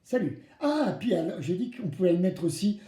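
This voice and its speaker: An animated children's craft presenter with a mellow voice that swings widely in pitch. They talk straight to the kids in a playful, theatrical way, asking them to answer back. The room adds a noticeable echo. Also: brisk. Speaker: presenter of a children's DIY video series. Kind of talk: children's craft tutorial, addressing kids directly. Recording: roomy, echoing indoor sound.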